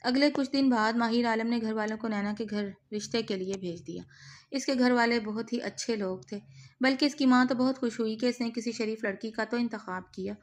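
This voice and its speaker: Woman narrator, novel reading, steady measured delivery, fairly high voice. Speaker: audiobook narrator.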